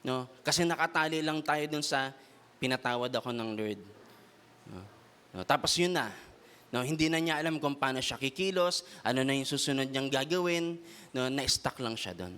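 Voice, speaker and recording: A man preaching a Taglish sermon to a congregation, often tagging his lines with a questioning "no?" and slowing down to stress key phrases. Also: mid-range voice, bright, forceful tone, smooth. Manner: repeats a questioning "no?" tag; has the congregation repeat lines to their neighbor. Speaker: youth preacher.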